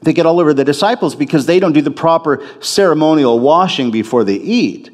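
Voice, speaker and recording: A man's voice: on the high side, lively intonation, brisk, darkish tone. A man preaching a sermon as a pastor in a church, talking conversationally, often restarting and repeating phrases for emphasis.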